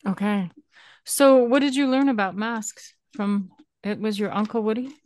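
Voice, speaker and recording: A woman's voice: medium pitch, moderate pace, a little mellow, no echo. Canadian woman hosting a radio interview. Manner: inquisitive, conversational. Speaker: radio show host.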